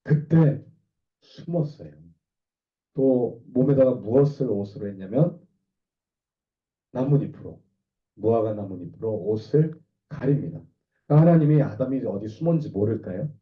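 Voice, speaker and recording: Hoarse male pastor preaching from afar. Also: medium pitch, lively intonation, moderate pace, long pauses, distant mic, muffled recording. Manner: conversational preaching, asking the congregation questions. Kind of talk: sermon. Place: small church hall.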